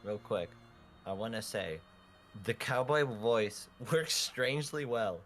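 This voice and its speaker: Man, casual chat, rambling, lively pitch. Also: slow, soft background music. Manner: relaxed, rambling. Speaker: co-reader commenting.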